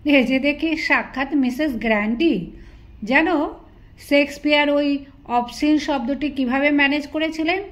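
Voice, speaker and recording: A woman voicing a boastful gentleman who shows off his English, speaking in a mocking, showy way. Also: sits high, measured pace. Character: boastful English-quoting Bengali gentleman, show-off.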